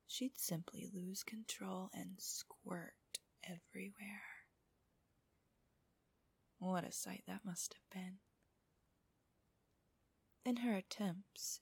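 A woman whispers softly and slowly in an intimate, teasing ASMR style. Her voice is very breathy and airy, with a crackle of fry at the edges. The sound is dry and close, and her pace is unhurried. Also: mid-range voice, dry recording. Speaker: host of erotic relaxation audios. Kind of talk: whispered ASMR audio narration for adults.

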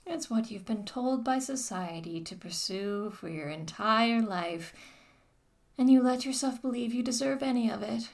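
Her voice sits fairly high as she whispers through an audio roleplay, cast as an ex-dominatrix who mocks and controls the listener with slow, taunting speech.

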